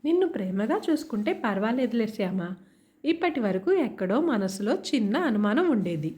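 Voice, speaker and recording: A woman voicing a gentle, caring middle-aged mother-in-law who speaks affectionately in a told story. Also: fairly high pitch, big pitch swings, normal speed. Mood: tender, concerned. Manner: affectionate, concerned. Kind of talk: storybook character voice.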